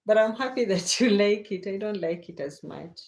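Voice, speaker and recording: Her mid-range voice is expressive and a little mellow, moving at a moderate pace. A Kenyan woman hosting a late-night livestream, she reads viewer comments, chats without hurry and laughs a lot.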